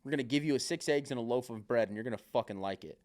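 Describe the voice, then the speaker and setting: On a podcast, a man rambles casually, swearing freely and padding his sentences with filler words, now and then slipping into other people's voices to act out their remarks. His ordinary-pitched voice is smooth, resonant and darkish in tone, and he talks rapid-fire.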